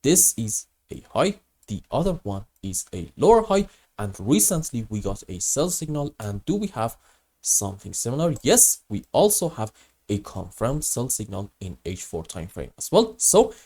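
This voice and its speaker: A man hosts a market chart commentary in a hoarse, grating voice roughened by a cold. His tone stays dark and mellow, while his pitch swings widely as he stresses key words and answers his own questions. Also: very animated, moderate pace. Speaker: host of a crypto market analysis channel.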